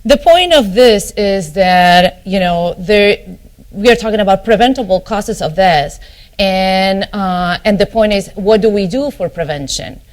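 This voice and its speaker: A middle-aged family physician from Argentina, with an Argentine Spanish accent, delivers a conference keynote lecture. Her mid-range voice has lively intonation and a slightly slow pace, and she often stops on ums and "you know" before restarting phrases.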